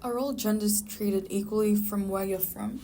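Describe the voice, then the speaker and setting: A woman reads a prepared script for a student podcast in a measured way. Her pitch stays flat at a middle level. A faint hiss sits under the recording.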